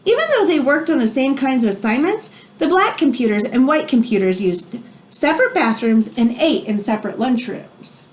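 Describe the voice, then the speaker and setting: In a high-pitched voice with big swings in pitch, a female teacher gives an expressive read-aloud of a nonfiction children's book at normal speed. She leans on key phrases, explains along the way, and slips in short asides.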